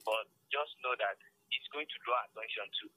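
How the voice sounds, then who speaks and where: A man's voice: fairly low pitch, moderate pace, bright, forceful tone. A man calling in to a radio show over a clipped phone line, earnest and hesitant with many fillers. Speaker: phone-in caller. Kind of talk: radio call-in opinion.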